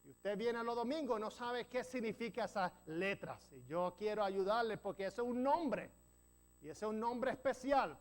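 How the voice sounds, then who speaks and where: A man's voice: high voice, lively intonation, normal speed. Pastor, male, preaching a teaching sermon; quizzes the pews, jokes and corrects himself on the fly. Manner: teaching, checks in with the congregation; joking asides and self-corrections.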